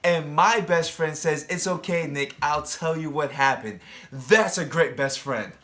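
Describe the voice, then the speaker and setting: With a slightly high voice that sounds pushed and bright, a teacher reads a picture book at a measured pace to young children. He speaks to them directly, mixing in questions and conversational asides.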